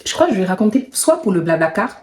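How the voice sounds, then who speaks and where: Animated young woman telling a storytime. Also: mid-range voice, fast, echoey room. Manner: animated, slangy, laughs often, swings between loud exclamations and whispers. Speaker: vlogger. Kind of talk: casual storytime.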